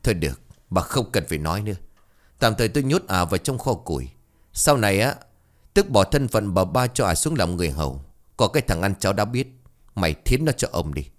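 A furious old village chief from a spoken ghost story, voiced by a man. He barks and scolds in a low voice that swings up and down in pitch. He is domineering and harsh. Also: sing-song, a little fast. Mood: cold. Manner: barking, scolding.

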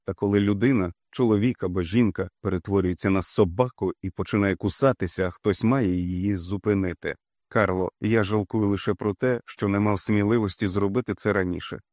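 A man voicing a calm, steady middle-aged father who speaks in a measured way. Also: fairly low pitch, dry recording, studio quality, close to an everyday voice.

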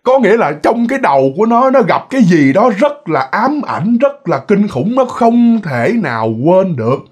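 A man's voice: high voice, moderate pace, breathy edge. A man telling a ghost story in a chatty style, talking straight to his listeners. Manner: chatty, addresses listeners directly, lively. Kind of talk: casual spoken storytelling.

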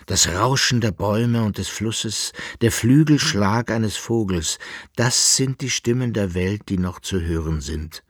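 A man's voice: lowish voice, husky, no room sound, clean studio sound. A man voicing a melancholy old emperor who muses tenderly and calls after a lost love, in a radio reading. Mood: musing. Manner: musing, yearning, then calling out.

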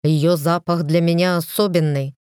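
A stern, commanding male lord, as a woman reader puts him on in an audiobook. His low, dark voice gives curt, firm orders at a slow, measured pace. The room is dry and close. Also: steady tone, clean tone, no room sound, lightly acted. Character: stern proud male lord, a dragon-like ruler.

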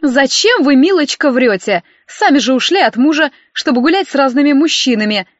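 Female narrator doing a nasty, loud, preachy lady inspector, brighter than the reader's own voice, dull dry recording. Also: high-pitched, lively intonation, brisk, dry recording. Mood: sneering. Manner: scolding, sneering, loud. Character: spiteful middle-aged female welfare inspector. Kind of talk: audiobook character reading.

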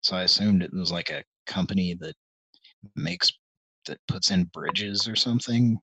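A man's voice: low-pitched, moderate pace, sharp tone, breathy edge, no room sound, low-quality recording. A middle-aged man hosting a live stream, rambling in casual chat with many hesitations and wry, self-deprecating asides. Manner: meandering and hesitant, full of ums and restarts. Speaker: host of a live call-in stream.

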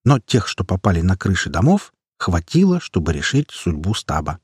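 Husky low guy reading an audiobook, dramatic first-person storytelling. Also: big pitch swings, moderate pace, a little mellow, dry recording, clean studio sound. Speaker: audiobook narrator. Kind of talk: scripted audiobook narration.

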